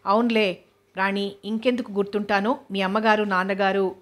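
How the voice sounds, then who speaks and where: A woman narrator doing a feverish, sulky young husband from a storybook, flat and curt. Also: mid-range voice, moderate pace, lightly acted. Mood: bitter.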